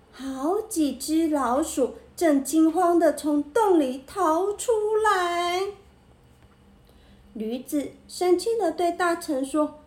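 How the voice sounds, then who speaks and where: A woman narrating a children's story in an expressive way. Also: high-pitched, reverberant. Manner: expressive, slow.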